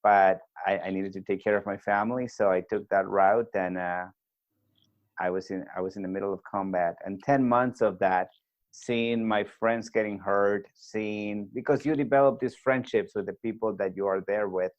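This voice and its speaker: Peruvian spanish accent guy in his 40s, low-ish voice, chatty, kinda dull lo-fi dry sound. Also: fairly even intonation, moderate pace, no room sound. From Peru. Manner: friendly and talkative, many fillers. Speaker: guest, army veteran. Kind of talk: casual interview storytelling.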